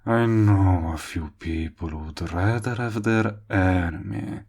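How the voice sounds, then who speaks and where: A male voice actor, fully in character, plays a possessive, persistent villain who is lovestruck and wryly comic, wooing the listener in a romantic comedy audio roleplay. His voice is low, slow, creaky and gravelly, and his mood is smug and teasing as he speaks wryly and smoothly, stretching out words for emphasis.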